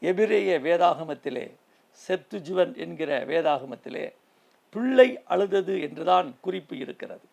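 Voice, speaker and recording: A male preacher delivers a sermon in a deliberate, emphatic rhythm. His voice is slightly high and strongly gravelly, and he leans on repeated phrases. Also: animated, a little mellow.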